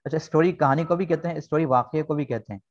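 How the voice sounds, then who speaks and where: Patient teacher, dull call audio. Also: male voice, a little high, racing. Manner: patient, repeats key points with "theek hai". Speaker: English teacher. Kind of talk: online lesson explaining vocabulary. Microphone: video call.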